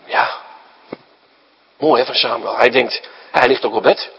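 A male preacher giving a sermon to his congregation, asking rhetorical questions and acting out the story, swinging between loud emphasis and quiet asides. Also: medium pitch, a little slow, vocal fry, husky, dull audio.

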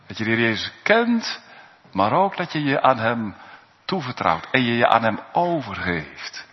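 A man's voice: very animated, unhurried. Lo-fi preaching man in a reverberant church. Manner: earnest preaching, swinging from soaring high cries to hushed low tones. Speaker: pastor. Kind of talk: sermon. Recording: dull lo-fi church recording with long reverb.

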